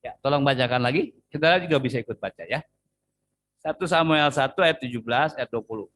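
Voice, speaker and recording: A man's voice: medium pitch, fast talker, a bit bright, poor audio. A male pastor preaching a sermon in a church in a casual, joking way, and asking the congregation to read along.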